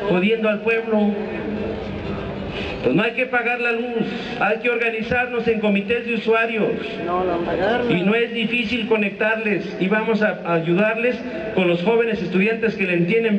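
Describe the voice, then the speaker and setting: A man's voice: sits high, fairly even intonation, moderate pace. A middle-aged man with a Mexican accent giving a combative, crude protest speech from an outdoor stage, talking into a handheld mic. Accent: Mexican Spanish. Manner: combative, crude, calls the crowd comrades. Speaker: union leader giving a rally speech. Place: outdoor stage at a street rally. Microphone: handheld mic through a PA, filmed from the crowd. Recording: distant, echoey, muffled amateur video of a PA.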